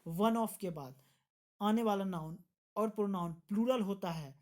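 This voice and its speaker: A woman's voice: mid-range voice, unhurried, darkish tone. A woman with an Indian accent teaching an online exam-prep grammar lesson. She explains step by step, repeats key words and mixes English terms into her Hindi.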